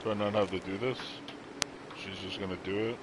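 A man's voice: sits low, steady tone, brisk. A man giving casual live commentary as he streams a video game. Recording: clear background noise and game audio.

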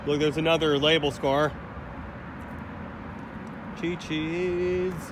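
A man with a slightly higher voice chats to his viewers as he films a walk around a building. He narrates casually and breaks into frequent exclamations. The handheld phone recording is outdoors, with clear traffic and street noise behind him. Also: steady tone, slow pace. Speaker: vlogger exploring abandoned places. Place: outdoors around an abandoned restaurant and its parking lot.

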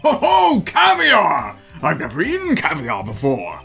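A man's voice: a little high, big pitch swings, normal speed. A man voicing a childlike, easily flustered old judge from a video game, exclamatory and theatrical. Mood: delighted. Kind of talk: comic voiced read-through of a courtroom video game. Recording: game music behind.

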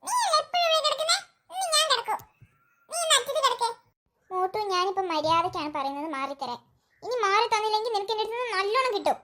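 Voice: very high-pitched, sing-song, quick pace, pushed and bright, full character voice. A voice actor playing a stubborn, bossy big-sister girl in a cartoon, with a threatening tone.

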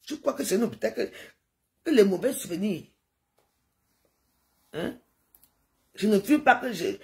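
A woman's voice: lowish voice, darkish tone. An older woman chatting to her viewers in a rambling, digressive livestream monologue, sprinkling in sound-effect noises.

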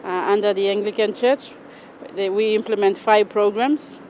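A middle-aged woman with a Papua New Guinean accent speaks in measured, earnest phrases, pausing and restarting as she answers interview questions. She is recorded outdoors in a city by a stone wall, with faint background noise under her voice at a middle pitch. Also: fairly even intonation, a little mellow. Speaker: church program coordinator.

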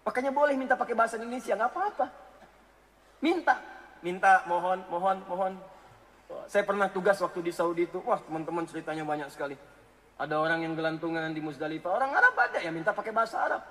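Male preacher with a high voice, animated and joking, talking directly to the audience, sound trailing in a long reverb. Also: quick pace. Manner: joking, animated storyteller addressing listeners directly. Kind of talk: radio sermon with anecdotes.

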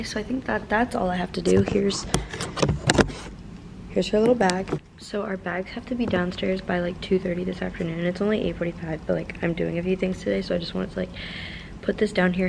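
A woman's voice: on the low side, creaky. A young adult woman chatting casually for a vlog in a bubbly, gushing sorority-girl manner, sprinkling in "like" often. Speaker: vlogger, college sorority member. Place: indoors, dorm bedroom and large empty hall. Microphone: camera at arm's length. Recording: noisy room ambience.

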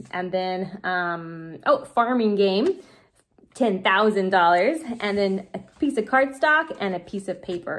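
A woman, a children's pastor, leading a children's church lesson with a craft, talking playfully and explaining step by step to kids. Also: medium pitch.

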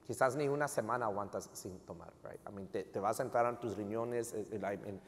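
A man's voice: lowish voice, fairly quick. A middle-aged man preaching a sermon as pastor, with a Mexican American accent, joking and peppering his Spanish with English tags. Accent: Mexican American Spanish with English code-switching. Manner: lively, joking, switches often into English tags like "right?". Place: church sanctuary. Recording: long reverb of a church hall.

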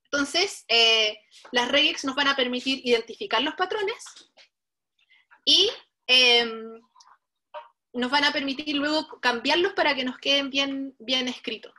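A woman's voice: high voice, measured pace, sharp tone. A woman leading an online coding workshop, patiently explaining each step and speaking straight to the learners. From Chile. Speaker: workshop instructor. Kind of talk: live online coding tutorial.

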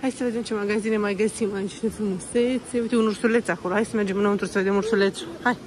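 A woman's voice: mid-range voice, fairly even intonation, background noise. Chatty mother vlogging through a mall. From Romania. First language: Romanian. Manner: chatty, coaxing and patient with her child, mixing in English phrases. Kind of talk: casual walking vlog, talking to camera and child. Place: indoor shopping mall.

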